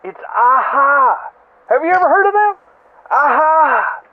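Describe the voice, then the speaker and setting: A man's voice: very high-pitched, lively intonation, unhurried. A man leaving a rambling comic voicemail over a landline phone, chatty and full of asides. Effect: heard over a landline phone voicemail. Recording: tinny phone line.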